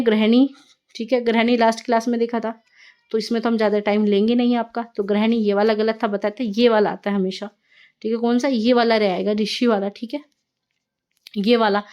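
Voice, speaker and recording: A woman teaching an online exam-prep lesson, brisk and explanatory, checking in often with her students. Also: fairly high pitch, a little mellow.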